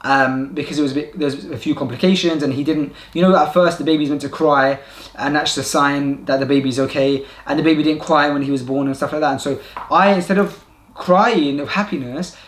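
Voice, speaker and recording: A man's voice: fairly high pitch, fairly even intonation, brisk. A young man giving earnest, casual advice straight to camera, repeating his points for emphasis. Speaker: vlogger giving advice to new fathers. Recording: echoey room.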